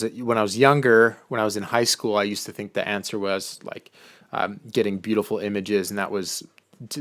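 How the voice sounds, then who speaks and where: A man with a lowish, slightly bright voice hosts a casual live-stream Q&A on filmmaking, answering viewer questions from the chat. He talks loosely and chattily, full of "um" and "like."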